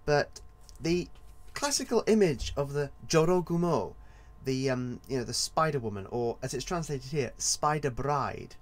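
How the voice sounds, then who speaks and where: A man's voice: medium pitch, lively intonation, measured pace, hardly any pauses. Rambling male author on his podcast. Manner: rambling and digressive. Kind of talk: casual solo podcast monologue.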